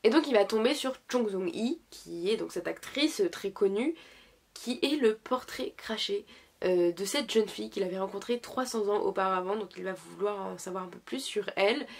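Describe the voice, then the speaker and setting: A woman's voice: mid-range voice, moderate pace, vocal fry. A young woman who is sick, chatting casually and hesitantly about shows she liked, with many fillers and restarts. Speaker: YouTuber reviewing dramas. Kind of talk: casual chat.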